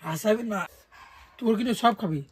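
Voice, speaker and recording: A woman's voice: on the high side, brisk, a little mellow. A woman chatting casually and teasingly with viewers in a playful, giggly way during a food challenge. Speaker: vlogger doing a spicy noodle challenge. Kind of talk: casual chat and banter to viewers. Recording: clearly noisy background with clicks.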